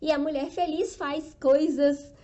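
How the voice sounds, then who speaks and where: A woman's voice: sits high, fairly even intonation, a little slow, dark tone, highs cut off. A Brazilian woman hosting a live stream on flower arranging, talking in an enthusiastic, motivational way and often checking in with her viewers while she works on an arrangement. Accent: Brazilian Portuguese. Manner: enthusiastic, upbeat, keeps checking in with the audience.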